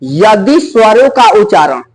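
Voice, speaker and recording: High-voiced man drilling grammar terms. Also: very animated, breathy edge, rough recording. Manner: repeats each term slowly and quizzes the students. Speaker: teacher. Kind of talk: exam-prep Hindi grammar lesson.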